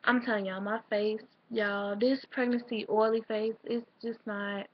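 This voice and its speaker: A woman's voice: fairly high pitch, fairly even intonation, unhurried, highs cut off. A young woman, rambling casually in a late-night vlog, a little out of breath. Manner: rambling, chatty, with fillers and restarts. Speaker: vlogger.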